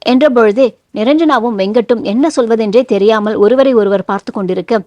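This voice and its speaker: A woman narrating a novel in a steady storytelling manner, recorded close to the mic. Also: on the high side, brisk, dry recording, muffled recording. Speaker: audiobook narrator.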